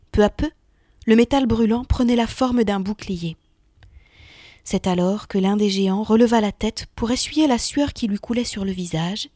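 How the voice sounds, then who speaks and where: A woman narrating a children's myth story in an expressive reading voice that sinks to a hush in tense moments. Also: medium pitch, no echo, studio quality.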